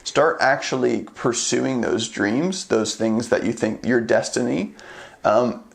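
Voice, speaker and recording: A man giving casual, earnest advice to parents, with a voice of ordinary pitch. He talks in a loose, conversational way, often pausing on "um" and checking in with a quick "right?". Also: vocal fry. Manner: earnest, conversational, frequent ums and rhetorical "right?". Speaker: unschooling advocate vlogger. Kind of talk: casual advice talk to camera.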